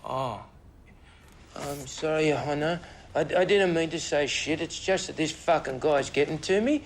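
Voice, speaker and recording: Actor as a rambling Australian junkie witness. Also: male voice, fairly high pitch, normal speed, a little hiss or hum, close to an everyday voice. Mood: indignant. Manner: rambling, indignant, slangy, repeats "mate". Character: agitated scruffy male pensioner addict witness, cocky and evasive. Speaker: witness in court. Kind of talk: film drama acting.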